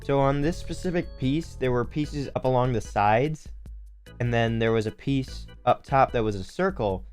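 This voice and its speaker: A man's voice: medium pitch, moderate pace, a little mellow, faint music behind. A young man with a sniffly nose, rambling and thinking aloud as he gives casual commentary for a hobby video. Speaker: video host building Lego.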